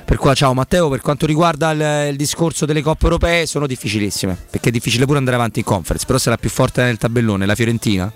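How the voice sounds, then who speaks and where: A man's voice: medium pitch, steady tone, fast talker, hardly any pauses. A man with a Roman accent giving casual, colloquial sports commentary on the radio with a sardonic manner.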